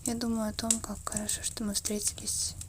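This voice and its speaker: A woman in an ASMR role-play as an affectionate, wistful girlfriend, murmuring slowly and intimately between a soft voice and a soft voice. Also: mid-range voice, level tone, heavy background noise.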